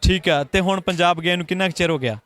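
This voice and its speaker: A woman's voice: fairly low pitch, fast. A woman reporter interviewing people with a handheld mic at a Sikh temple street procession, asking friendly, coaxing questions. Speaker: reporter host.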